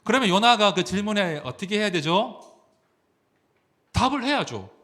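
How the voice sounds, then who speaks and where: A pastor delivering a sermon in a voice a little higher than most men's, with pitch that rises and falls a lot. He keeps asking the congregation questions and gives God's lines a gentle, personal tone. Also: moderate pace. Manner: lively preaching with questions to the congregation.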